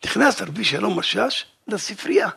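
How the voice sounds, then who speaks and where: A man preaching a religious story in an animated way, acting out the dialogue and dropping now and then into a whisper. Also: sits high, vocal fry, slightly rough. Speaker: preacher telling a religious tale. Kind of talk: storytelling sermon.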